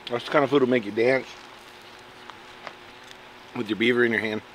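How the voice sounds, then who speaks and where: Here a camping and fishing vlogger talks casually to his audience in a folksy, playful, exuberant way, full of quirky slang. His medium-pitched voice moves at a normal speed with fairly even intonation. The audio is poor with a little hiss or hum, and music plays behind him.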